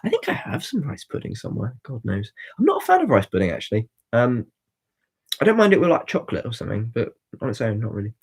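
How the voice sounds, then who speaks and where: A man's voice: mid-range voice, wildly swooping pitch, quick pace, husky. A young man in his twenties hosting a casual livestream, rambling and chatty as he answers viewer comments with lots of ums and restarts. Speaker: livestream host.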